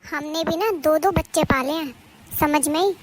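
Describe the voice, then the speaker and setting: A woman's voice: sits high, moderate pace, slight background noise, close to an everyday voice. A woman voicing a domineering mother-in-law in a cartoon, lecturing and scornful.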